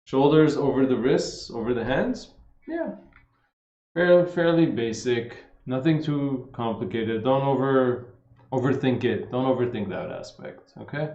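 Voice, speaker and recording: A man casually answering viewers' fitness questions on a livestream, relaxed and chatty, often saying "man" and "like". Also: mid-range voice, unhurried. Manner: laid-back, says "man" and "like" a lot, reads questions aloud. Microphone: streaming setup. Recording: roomy, slightly dull livestream audio.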